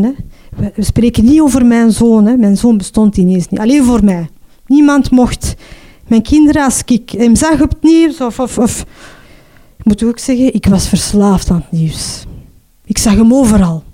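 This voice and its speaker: A middle-aged Flemish woman giving a personal testimony in an earnest, halting way, often ending with a questioning tag. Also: fairly high pitch, warm tone. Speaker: mother telling her story.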